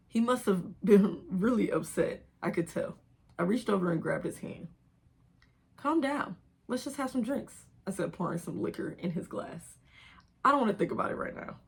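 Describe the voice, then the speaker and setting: A young woman with a fairly low, creaky, slightly rough voice reads her own old fan fiction aloud. She is embarrassed, giggly and self-mocking, casually breaking off to comment.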